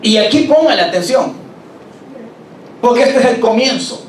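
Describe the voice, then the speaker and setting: A man preaching a sermon, slowing down to stress scripture and calling on the congregation to answer back. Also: animated. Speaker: pastor. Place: church hall. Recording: roomy church recording from a distance, faint rumble.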